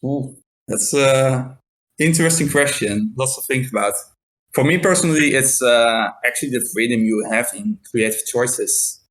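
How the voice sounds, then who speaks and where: A young Dutch man speaks in a casual interview, mid-pitched and unhurried. He weighs his words, leaning on fillers and small restarts as he explains his work. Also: a bit bright, poor audio. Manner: thoughtful, hesitant with many fillers. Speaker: game programmer.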